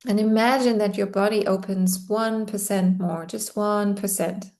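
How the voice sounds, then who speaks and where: A woman guides a meditation in a soft, soothing way. Her voice is warm and mellow, and her pitch barely moves. She talks very slowly and leaves long pauses between phrases. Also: steady tone.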